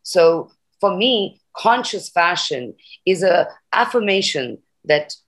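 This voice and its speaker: On a laptop webcam video call from her home, a middle-aged guest, a sustainability activist from Nepal who grew up in India, talks earnestly and with passion. Her voice is mid-range with a breathy edge.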